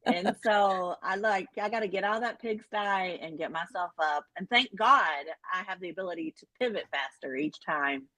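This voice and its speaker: A middle-aged woman health coach and author, chatting in an interview in an animated, self-deprecating way with many fillers. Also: on the low side, moderate pace, hardly any pauses, no room sound. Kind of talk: casual interview chat.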